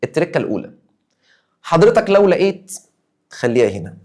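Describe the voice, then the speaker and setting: Man, Egyptian accent, teacher, exam review, emphatic, rapid delivery. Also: on the high side, sing-song, darkish tone. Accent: Egyptian Arabic. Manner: emphatic, acts out student questions.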